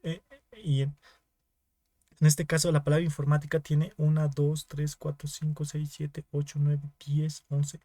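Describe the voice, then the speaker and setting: A man's voice: on the high side, completely flat delivery, a little slow, dark tone, no echo. Young bolivian guy tutoring a class online, keeps going ¿sí?, dry close sound. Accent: Bolivian Spanish. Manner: explains in repeated steps, often asks ¿sí?. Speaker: teaching assistant.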